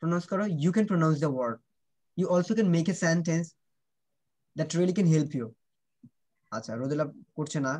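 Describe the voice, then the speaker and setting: A man's voice: a little high, animated, slow, long pauses, a little mellow. A man teaching children pronunciation in an online class. He drills sounds and keeps asking whether the students understand, switching between Bengali and English.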